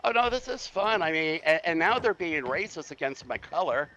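A man in game voice chat, calm, mocking and dismissive. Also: fairly high pitch, moderate pace, muffled recording, very noisy. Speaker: game player and uploader.

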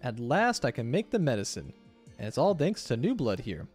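Guy doing a sneaky lil scientist schemer from a game, devious and menacing, swoopy pitch. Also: very animated, normal speed, darkish tone, soft background music, natural voice. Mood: sneaky glee. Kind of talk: reading video game character dialogue aloud.

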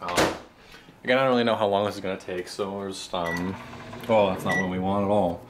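Hosting a parody cooking tutorial indoors in a home kitchen, a man in his twenties speaks in a low voice with halting, deadpan delivery. The noisy audio, full of room noise, comes from a camera mic that someone nearby is holding.

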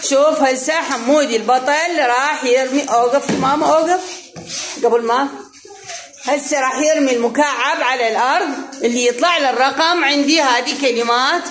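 A woman's voice: sits high, a little fast, a bit bright. A woman with an Iraqi Arabic accent teaching young children a lesson, coaxing and affectionate. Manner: coaxing, affectionate, calls pupils dear. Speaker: primary school teacher. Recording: echoey room with background noise.

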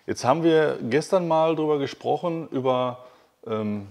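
A man's voice: medium pitch, measured pace, a little mellow. A man hosting a casual interview in a large workshop hall, talking in a chatty, enthusiastic way with many fillers and restarts. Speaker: host.

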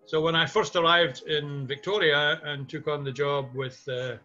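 An older man with a Scottish accent, in his 60s or older, reminisces in a thoughtful, hesitant way during a video call interview; he works as a community theatre music director. His voice is a little high, with fairly even intonation, normal speed, and a bright, forceful tone. Recorded via webcam in a small home room, the audio is muffled with music underneath.

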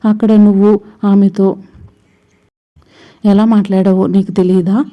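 Brief: angry middle-aged father, voiced by a woman, scolding, monotone. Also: mid-range voice, unhurried, muffled recording, lightly acted.

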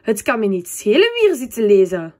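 A woman's voice: on the high side, sing-song, a little fast. A woman voicing Andy, an impatient and bossy young man in a storybook, speaking emphatically and with exasperation. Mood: furious.

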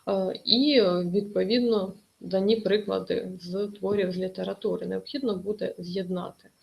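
A woman's voice: mid-range voice, fairly even intonation, moderate pace, vocal fry, darkish tone, poor audio. A woman teaching an online exam-prep lesson, explaining carefully with many hesitations.

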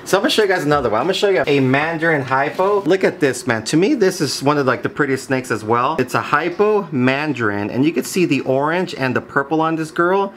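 A man's voice: fairly high pitch, animated, fast talker, few pauses, fairly bright tone. Man, casual vlog presenter, enthusiastic, slangy, faint room noise. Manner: enthusiastic, slangy, repeats superlatives. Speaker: snake breeder presenting his collection. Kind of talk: casual video showcase to viewers. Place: small indoor reptile rack room. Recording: noisy room ambience.

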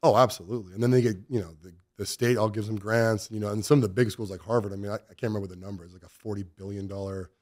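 Speaking very fast with hardly any pauses, the same kind of guest, an American business owner in his forties, has a lowish, darkish voice with fairly even intonation. He's blunt and emphatic in the conversational interview, recorded in an indoor podcast studio on a close boom-arm studio mic.

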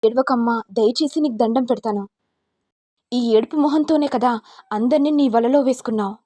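A woman's voice: on the high side, normal speed, dark tone, no echo, lightly acted. A woman voicing a young husband who scolds his wife with contempt. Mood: scornful. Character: angry scornful young husband.

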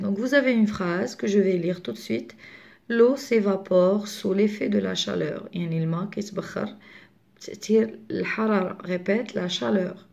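A woman with a Moroccan accent teaching a French lesson to children online, switching to Moroccan Arabic to explain and slowly repeating words for learners. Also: medium pitch, creaky, a little mellow.

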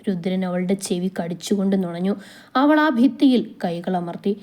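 A woman narrating a romantic story in a soft, steady, intimate reading voice. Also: fairly low pitch, moderate pace.

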